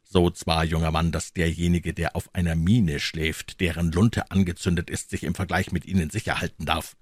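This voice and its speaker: A man's voice: low voice, flat delivery, normal speed, husky, no room sound, studio quality. A man voicing an older, worldly captain in an audiobook, speaking in a grave, warning, lecturing way. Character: old, gruff, worldly male captain. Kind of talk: audiobook character voice.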